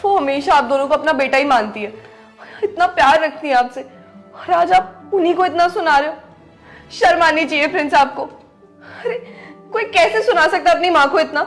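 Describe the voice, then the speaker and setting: High-voiced woman as a wounded young wife, reproachful, faint music behind. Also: moderate pace, natural voice. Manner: hurt, reproachful, emotional. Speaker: wife in a family skit. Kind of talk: scripted family drama skit.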